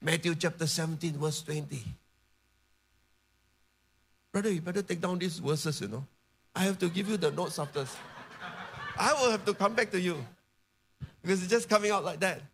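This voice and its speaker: A man preaching a charismatic sermon to his congregation, building to emphatic shouts and dropping into chatty asides. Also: high voice, normal speed, creaky, pauses often, husky. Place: church service.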